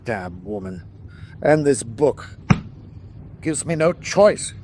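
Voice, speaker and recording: A man with a mid-range voice acts as a weary, dutiful German submarine captain in a wartime radio drama, troubled yet resolute. His speech is formal and measured but very animated, set against a noisy background.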